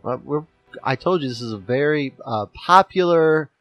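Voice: medium pitch, lively intonation, normal speed, no room sound, highs cut off, faint music behind. A podcast co-host chatting casually, playful and teasing, with lots of "like". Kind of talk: casual chat.

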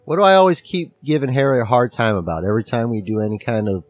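A man's voice: mid-range voice, quick pace, highs cut off, faint music behind. A man with a slight lisp, co-hosting a casual podcast chat about a book chapter and rambling with restarts. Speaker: podcast co-host.

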